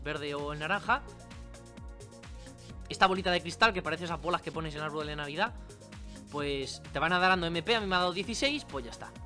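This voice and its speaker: Chatty bright-voiced man explaining. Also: sits high. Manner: chatty, informal, many asides and tag questions. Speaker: crypto channel host. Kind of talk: screen-recorded tutorial.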